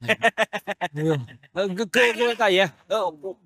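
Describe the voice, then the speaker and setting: A man's voice: high-pitched, normal speed, creaky, a bit bright, no room sound, clean studio sound, heavily acted. An actor playing a broke young male gambler in a costume TV drama, pleading and whining, yelping when hurt. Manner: pleading, whiny, yelps in pain.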